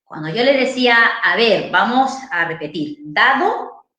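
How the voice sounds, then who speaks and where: A woman's voice: medium pitch, animated, moderate pace, fairly bright tone. A woman, a psychologist giving an informal seminar and answering questions in a conversational way, often ending phrases with tag questions. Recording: echoey room.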